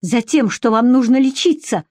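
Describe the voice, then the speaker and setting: A woman reading as a bossy female personal assistant who scolds and shouts when angry. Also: fairly high pitch, expressive, normal speed, dry recording, studio quality, pitched above the performer's own voice. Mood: indignant.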